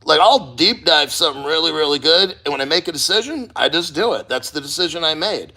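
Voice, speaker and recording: A man with a slightly high, sharp voice talks briskly and with animation while sitting in a cold water plunge. He's hosting a casual livestream for a crypto channel, speaking bluntly, rambling loosely about motivation and swearing casually.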